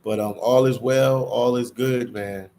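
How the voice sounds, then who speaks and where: Reading viewer comments on a laid-back livestream, this man talks in repetitive slang and keeps addressing people as "man." His medium-pitched voice is a bit mellow with fairly even intonation and an unhurried pace, over clear ambient background noise.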